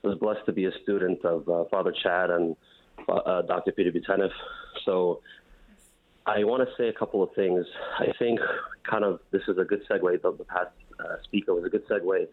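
Deep husky man calling in. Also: a little fast. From United States. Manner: earnest, steady, occasional fillers. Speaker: caller. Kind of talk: call-in show comment. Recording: tinny phone line.

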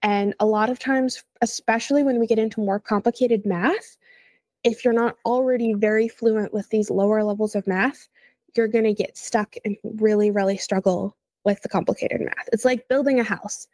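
A woman's voice: medium pitch, steady tone, moderate pace, a little mellow, no room sound. A young woman who teaches math, explaining ideas in an upbeat, teacherly way during a casual chat.

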